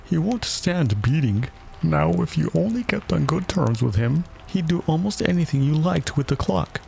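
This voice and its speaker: Eccentric hatter, male reader: high, swooping voice, haughty, pedantic, plaintive, storybook style. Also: sing-song, moderate pace, creaky, a little mellow, slight background noise, heavily acted. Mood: persuasive.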